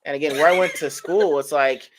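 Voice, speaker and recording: A man's voice: a little high, a little fast, a little hiss or hum. A man in his thirties, a podcast co-host, telling rambling, self-mocking stories in casual chat.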